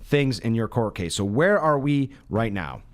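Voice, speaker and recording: A man's voice: medium pitch, big pitch swings, moderate pace. A man hosting a live radio interview from a studio, conversational and prompting his guest with questions. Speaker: radio talk show host.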